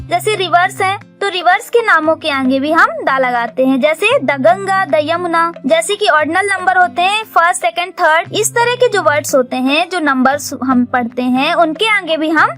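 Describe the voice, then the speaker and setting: A woman gives a patient, step-by-step grammar lesson, reading each English example slowly and clearly. Her voice sits very high and sounds bright and crisp. Soft music plays faintly behind her. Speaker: teacher for young kids' parents.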